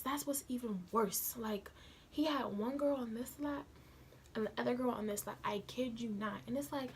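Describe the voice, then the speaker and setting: A young female vlogger with a fairly high voice and vocal fry tells a personal story casually into her phone camera, with a little hiss or hum audible. She's chatty and slangy, building up the drama as she retells what happened.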